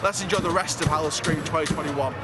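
A young man who vlogs about theme parks reviews a Halloween event outdoors at night, chatty and upbeat, mixing his review with interviews. His voice is on the high side and fast, competing with loud music and a noisy crowd.

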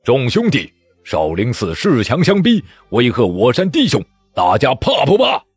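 A man voicing a fiery male rebel leader in an audiobook, shouting to rouse his army. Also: mid-range voice, huge pitch swings, normal speed, slightly rough, no echo, soft background music, voice pushed up, full character voice. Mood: rousing. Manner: shouting, rousing.

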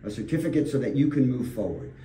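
A man's voice: medium pitch, fast talker, mellow, slight background noise. An older man, a realtor, talking earnestly in a radio studio interview, telling stories with emphatic repetitions. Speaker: realtor guest. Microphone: desk microphone. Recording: roomy studio, distant mic.

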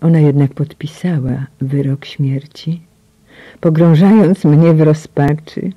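Breathy woman reading an audiobook. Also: low voice, steady tone, slow, no room sound. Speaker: audiobook reader. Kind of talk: first-person audiobook narration. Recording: slightly muffled, dry.

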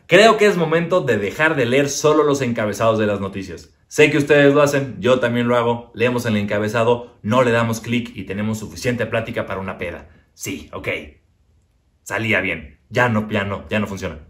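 Mexican man, young adult, stand-up comic, crude, self-deprecating, performing at home, mid-pitched voice. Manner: crude, self-deprecating, argues with himself in quick back-and-forth. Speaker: stand-up comedian. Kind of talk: stand-up comedy special. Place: his living room at home.

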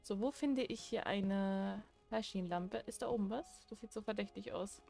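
A woman's voice: medium pitch, moderate pace, vocal fry, mellow, faint music behind. A young woman chatting casually while she plays a horror game, joking and talking back to what happens on screen. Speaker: let's play gamer.

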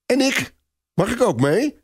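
A man doing a small eager boy, high-pitched. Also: sing-song, measured pace, husky, heavily acted. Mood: excited. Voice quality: high childlike voice.

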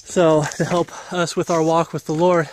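Recovering from illness, a forties-aged ministry leader records a walk-and-talk update on a wooded path, camera held out at arm's length. His voice sits on the high side with little pitch movement and a normal pace, the tone casual, rambling and earnestly preachy, with a bit of hiss or hum.

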